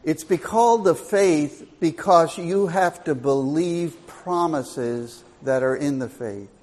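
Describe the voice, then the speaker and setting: A man's voice: fairly high pitch, slow pace, darkish tone. An older man giving a Bible teaching sermon in a folksy, storytelling and emphatic way.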